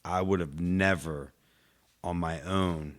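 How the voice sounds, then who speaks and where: A man with a low voice chatting casually on a podcast, sincere and emotional in tone. His speech is loose and full of "like" as he works through his thoughts. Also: steady tone, slow. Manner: heartfelt, filler-heavy, says "like" constantly. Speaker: podcast co-host. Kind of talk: casual chat.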